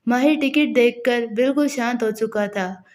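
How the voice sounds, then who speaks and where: A woman narrates a dramatic story in a fairly high voice. She reads the dialogue of every character without changing her voice much, keeping a steady storytelling delivery. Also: normal speed.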